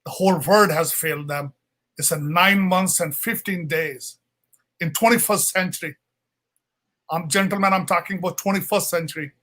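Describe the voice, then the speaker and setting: Earnest bright-voiced Pakistani man. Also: high voice, moderate pace. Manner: earnest, repetitive, apologetic. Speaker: panel speaker, political adviser. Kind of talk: impassioned panel speech.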